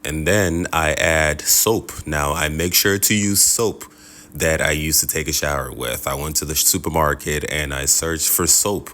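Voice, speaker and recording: A man with a very deep, bright voice chats to his viewers like a travel vlogger. His delivery is colloquial and animated, often checking in with the listener. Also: a little slow. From Nigeria. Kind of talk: casual vlog talk to viewers.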